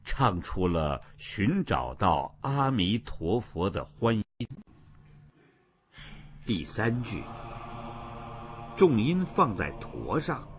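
A man giving slow, measured scripted narration about Buddhist chanting in a solemn manner. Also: on the low side, sing-song, slight background noise. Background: music.

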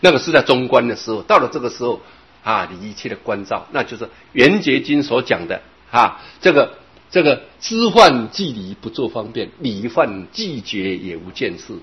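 Husky man giving a dharma talk. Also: medium pitch, big pitch swings, moderate pace. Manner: expounding, drawing out particles, repeating phrases. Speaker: Buddhist teacher. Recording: dull lo-fi recording.

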